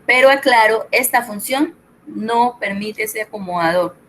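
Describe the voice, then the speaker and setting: A woman's voice: a little high, a little slow, fairly bright tone, a little hiss or hum, poor audio. A middle-aged woman, tutoring an online spreadsheet class, explaining step by step and checking in with her students. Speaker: Excel tutor.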